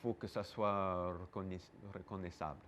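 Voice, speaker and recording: Man, low pitch, hesitant explanatory interviewee, faint noise behind. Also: level tone, normal speed, a bit bright. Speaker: museum interviewee. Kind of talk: casual interview answers.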